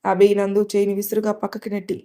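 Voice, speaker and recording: A woman storyteller giving a calm, scripted narration of a love story. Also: mid-range voice, fast talker.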